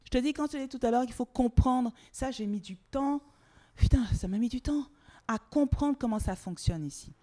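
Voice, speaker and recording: A woman's voice: on the high side, moderate pace, dark tone. A woman from Togo, a podcast guest, talking candidly and emphatically in a conversational interview, swearing casually and repeating words for emphasis.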